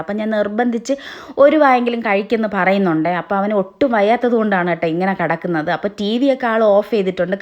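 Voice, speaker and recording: A young woman with a Kerala Malayalam accent talks quickly in a casual, chatty vlog narration. She keeps tagging her sentences with little "kettoo"s as she explains things at a middling pitch. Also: dull audio. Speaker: family vlogger.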